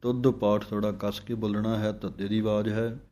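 A man teaching careful recitation of scripture, chanting verses slowly with a melodic lilt and then explaining pronunciation points. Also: fairly low pitch, level tone, warm tone.

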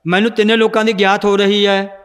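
A man's voice: high voice, little pitch movement, quick pace, a bit bright, clean tone. A man voicing a humble male village peddler who speaks plainly and deferentially, in a reverberant hall. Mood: awed.

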